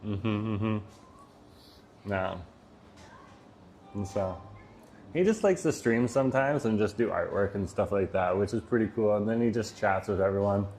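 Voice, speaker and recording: With long pauses and an expressive, moderate-paced delivery, a man chats casually on a live stream at a Vietnamese restaurant, with slight background noise. Recorded on a phone, he reads chat messages aloud, laughs frequently, and says he has a loud voice, then lowers it.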